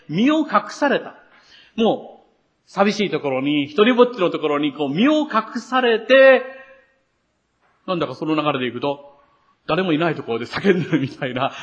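Expressive male pastor preaching. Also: a little high, highs cut off. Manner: earnest, expressive preaching with rising emphasis. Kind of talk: sermon.

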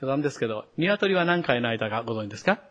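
Delivering a sermon, a male pastor with a medium-pitched voice talks fast and animatedly, raising his voice to act out quoted speech and dropping to a hush when he addresses the congregation. The audio is lo-fi.

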